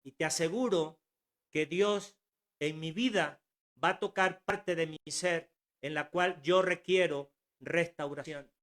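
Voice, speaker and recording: A man's voice: fairly high pitch, takes it slowly, fairly bright tone. A man in his sixties preaching a sermon at home, earnest and exhorting, with rhetorical questions and repetition. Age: 60s.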